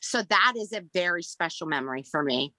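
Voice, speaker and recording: A middle-aged woman, a podcast host's mother, recalling a family memory in an interview, speaking haltingly with many fillers and fighting back tears. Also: lowish voice, animated, sharp tone, no echo, rough recording. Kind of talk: emotional interview.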